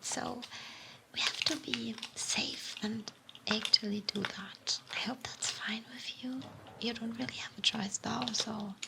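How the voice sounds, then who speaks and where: Her voice is medium-pitched and creaky, heard in a rough recording. She is a German-accented ASMR performer whispering right up against a binaural microphone as an office clerk, by turns hesitant, playful and reassuring.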